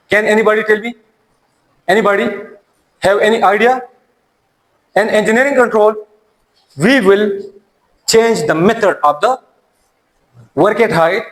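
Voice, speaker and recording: A man's voice: high voice, a bit bright, poor audio. A man, an Urdu speaker, teaching a classroom lecture and often repeating and restarting his words.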